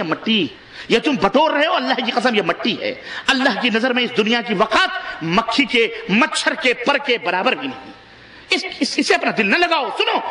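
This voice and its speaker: A man with a Pakistani Urdu accent preaches an impassioned sermon, pushing his listeners with rhetorical questions and rising to emphatic peaks. His voice sits very high and sounds bright and forceful. The room around him rings with echo. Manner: exhorting, rhetorical questions to the congregation.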